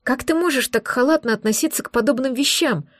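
Teary anxious princess, highish voice, pleading and flustered, woman reading. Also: brisk, dry recording, studio quality. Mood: tearful, pleading. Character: tearful anxious young princess. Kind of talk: audiobook dialogue.

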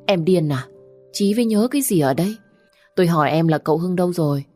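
A woman's voice: deep voice, fairly quick, a little mellow, soft background music. A woman voicing a distraught young widow who keeps frantically asking where her husband is. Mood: frantic. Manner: pleading, frantic questioning. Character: young grieving wife, distraught and insistent.

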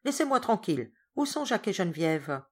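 A woman's voice: lowish voice, big pitch swings, normal speed, slightly rough. A woman voicing an angry, spoiled schoolboy who speaks indignantly, in a storybook reading. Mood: sulky. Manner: shouts indignantly.

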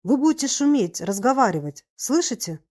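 A woman's voice: on the high side, big pitch swings, fairly quick, darkish tone, voice pushed up. A woman voicing a male comrade who gives urgent, commanding orders.

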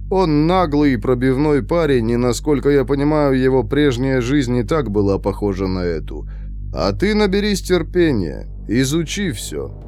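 A man doing Benoit, a slow, calm young prisoner. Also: mid-range voice. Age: 20s. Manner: slow, measured, lecturing.

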